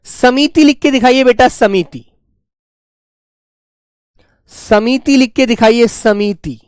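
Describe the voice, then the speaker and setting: A male teacher giving a spelling class, dictating words slowly and repeating each one, talking to pupils in a fatherly way. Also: very high-pitched, clean tone, no echo, clean studio sound. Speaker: Hindi teacher.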